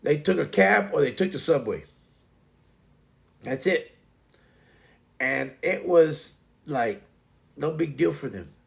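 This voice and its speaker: A man's voice: a little high, expressive, takes it slowly, gravelly, pauses often. A man hosting a livestream, rambling loosely through a casual story with lots of fillers and restarts. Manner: frequent laughter. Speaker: livestream host.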